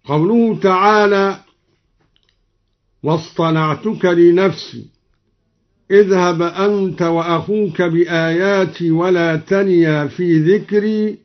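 Slow, measured man on old radio. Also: sits high, steady tone. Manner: slow, measured, intoning quoted verses. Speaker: teacher of recitation readings. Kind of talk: explaining readings and reciting examples. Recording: dull archival radio recording.

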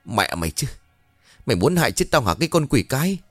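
A man's voice: medium pitch, very animated, fast talker, a bit bright, dry recording, soft background music, pitched above the performer's own voice. A man voicing a cruel, foul-mouthed pregnant stepmother who scolds shrilly and snarls threats. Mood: furious.

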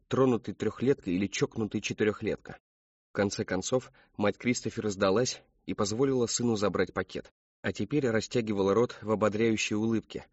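Audiobook narrator: man, low husky voice, measured, dry close sound. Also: no echo, muffled recording. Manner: measured, even reading. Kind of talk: scripted narration.

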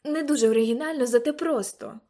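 A woman reading an eager, excitable old grandfather in an audiobook, bursting into loud exclamations. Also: a little high, quick pace. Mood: excited.

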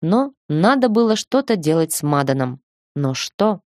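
A woman reading a first-person audiobook in a steady storytelling manner. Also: deep voice, unhurried, no echo, studio quality. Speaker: audiobook reader.

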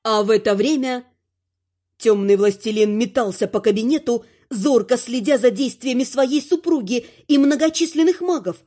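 A woman narrating a fantasy audiobook in an even, expressive storytelling manner. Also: on the high side, moderate pace.

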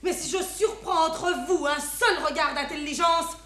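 Hammy theatre mom, super high voice, jealous and raging, declaims everything, echoey. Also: female voice, steady tone, a little slow, pushed and bright, exaggerated voice. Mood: indignant fury. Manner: hammy stage actor, declamatory. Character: furious jealous mother, a theatre actress. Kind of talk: classic French stage comedy.

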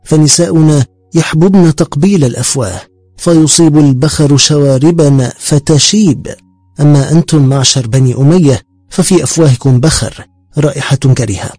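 A man voicing a calm sharp-tongued noble. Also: on the high side, no room sound. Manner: composed, cutting replies.

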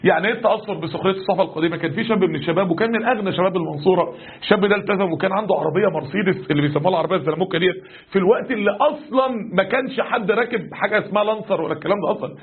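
A man preaching an Egyptian colloquial sermon lesson, animated and full of rhetorical questions. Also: high-pitched, very fast, husky. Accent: Egyptian Arabic. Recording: tinny lo-fi recording.

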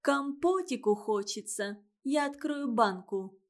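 In a full character voice, a woman plays a cheeky, spoiled storybook girl who is sly and quick with her tongue. High and ringing, with lively intonation, she wheedles, lies, and chatters without a pause.

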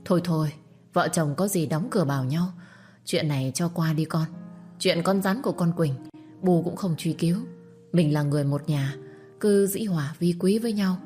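A woman's voice: fairly low pitch, normal speed, dark tone, faint music behind, natural voice. A woman voicing a domineering older matriarch of a wealthy household, speaking in a commanding, menacing way. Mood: placating. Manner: menacing, commanding, later placating. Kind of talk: storytelling with acted dialogue.

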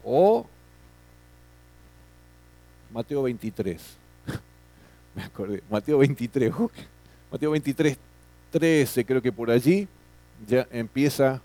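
A man's voice: medium pitch, mellow. A middle-aged man teaching a classroom lecture, often tagging his sentences with questions and repeating words.

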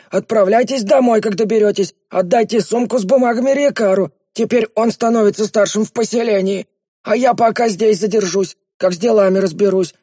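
A sly red-haired servant, pitched up high and slightly raspy. He wheedles and flatters with quick excuses. Dry, close audiobook sound. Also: dry recording. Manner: wheedling, excuse-making, stammers when scared.

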